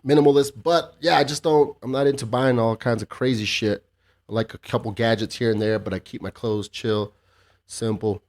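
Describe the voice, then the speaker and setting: A man's voice: medium pitch, fairly even intonation, normal speed. A man hosting a casual solo podcast, rambling and joking with heavy swearing and a sarcastic edge. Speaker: podcast host.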